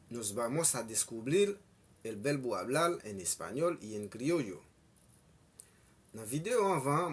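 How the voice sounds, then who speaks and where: Slow husky man teaching a language. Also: medium pitch, a little mellow. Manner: repeats each phrase twice, slow and deliberate. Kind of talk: slow bilingual language lesson.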